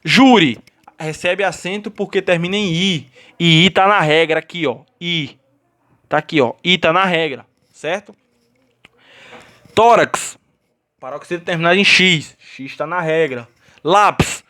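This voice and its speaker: A man's voice: on the high side, a little slow, bright, forceful tone. A Brazilian man teaching a grammar lesson, explaining step by step and often checking in with his students. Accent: Brazilian Portuguese.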